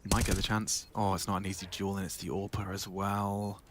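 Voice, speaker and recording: A man's voice: low-pitched, level tone, fairly quick, noisy background. A man doing live esports play-by-play commentary in dramatic, short punchy phrases.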